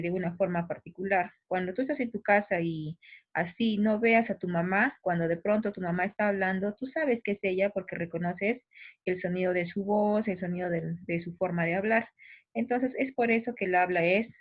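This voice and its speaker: Patient Peruvian woman teacher, tinny audio. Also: medium pitch. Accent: Peruvian provincial Spanish. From Peru. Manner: patient, explanatory, often restarts and addresses students directly. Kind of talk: recorded class explanation.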